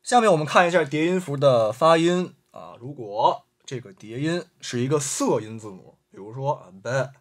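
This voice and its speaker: A man's voice: on the high side, animated, normal speed, few pauses. A man teaching an online language lesson, patiently repeating example words and adding frequent filler sounds.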